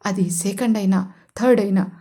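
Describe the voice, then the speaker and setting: A woman narrator voicing an angry, hot-tempered young man who shouts orders and threats in an audio story. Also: medium pitch, fairly even intonation, fairly quick, close to an everyday voice. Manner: shouting, abusive, commanding.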